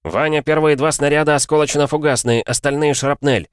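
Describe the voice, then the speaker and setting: A man's voice: mid-range voice, animated, a little fast, no room sound, studio quality, voice pushed up, lightly acted. A man voicing a blunt male tank commander who barks orders in battle. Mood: commanding. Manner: barked orders, blunt and cold.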